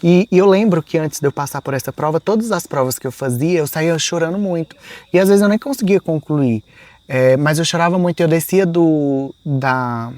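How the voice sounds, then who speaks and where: A man with a fairly high voice tells a deeply personal story as a podcast guest, his sentences softening and trailing off between fillers. He slips into quoting his own past words. The sound is close and dry, as in a studio. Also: normal speed, no room sound. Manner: soft-spoken, often trailing off, fillers like "assim" and "né".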